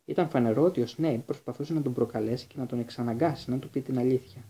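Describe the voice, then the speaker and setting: Husky, very dark male narrator. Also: medium pitch. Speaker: audiobook reader. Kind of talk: storybook narration.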